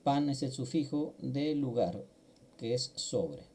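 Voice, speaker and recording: A man's voice: medium pitch, expressive, slow, mellow, breathy edge. A middle-aged man, patiently explaining a language lesson step by step, with small fillers as he goes. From Mexico. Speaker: language teacher. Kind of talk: online grammar lesson.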